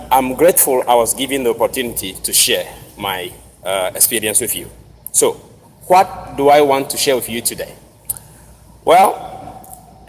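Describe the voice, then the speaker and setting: Man, Togolese accent, slightly high-pitched voice, deliberate short phrases, formal graduation speech, long hall reverb. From Togo. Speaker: commencement speaker. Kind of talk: formal speech with personal storytelling. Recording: noisy, reverberant large hall ambience.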